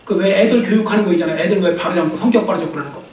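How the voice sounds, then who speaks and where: A male pastor with a fairly high voice delivers a sermon in a relaxed, talky manner. He often acts out small everyday conversations as he preaches. The sound comes from a distant mic in a strongly echoing church hall. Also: rapid-fire, slight background noise. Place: church sanctuary.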